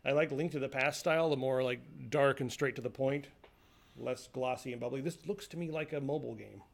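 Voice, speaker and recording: A man's voice: mid-range voice, a little fast, creaky. A man co-hosting a casual podcast chat, grumbling and opinionated, often trailing off. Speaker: podcast co-host.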